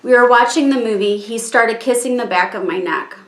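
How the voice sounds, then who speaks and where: A woman reading her own written statement aloud in a measured, halting way, strained and struggling to keep her composure. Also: a little high, fairly bright tone. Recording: echoey room.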